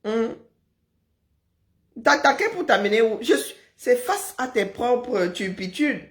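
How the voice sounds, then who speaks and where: A woman's voice: on the high side, very animated, slow pace. A woman in a heated online argument, mocking and taunting her opponent. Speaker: live stream participant.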